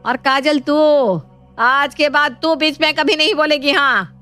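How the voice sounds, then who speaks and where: A woman's voice: high-pitched, fairly even intonation, measured pace, bright, forceful tone, faint music behind, voice pushed up. A woman voicing a stern, caring older mother-in-law in a cartoon story, commanding and scolding.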